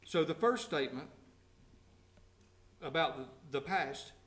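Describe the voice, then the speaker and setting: A man's voice: on the high side, fairly bright tone. Preaching man in an echoey church. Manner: reads scripture slowly, then explains it in plain everyday words; asks the congregation direct questions. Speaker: pastor. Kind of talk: sermon. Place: church sanctuary.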